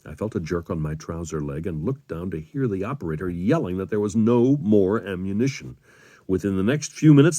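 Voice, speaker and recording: A man reading a wartime memoir aloud as an audiobook, with measured, dramatic storytelling. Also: on the low side, dark tone, dry recording, clean studio sound. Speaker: audiobook reader.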